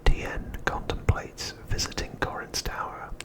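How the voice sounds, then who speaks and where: This is an ASMR recap from a man who never rises above a whisper. The delivery is unvoiced and breathy, built from careful phrases with short gaps, giving it the quality of softly read narration.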